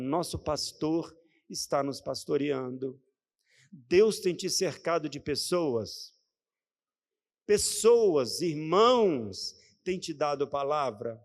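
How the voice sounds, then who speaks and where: Brazilian man preaching in a church hall. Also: on the high side. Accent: Brazilian Portuguese. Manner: conversational preaching with frequent rhetorical questions to the congregation. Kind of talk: sermon.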